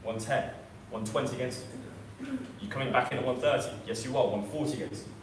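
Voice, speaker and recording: A man's voice: medium pitch, fast talker, slight background noise. Man, live auctioneer, repetitive price-calling, echoey room, distant mic. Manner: repetitive chanting of prices and increments. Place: auction sale room, indoors.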